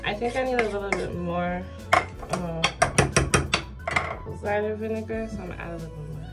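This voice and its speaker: A young adult beauty vlogger with a medium-pitched voice talks at normal speed toward her camera in a small bathroom, using playful, tongue-in-cheek zoomer slang while music plays underneath.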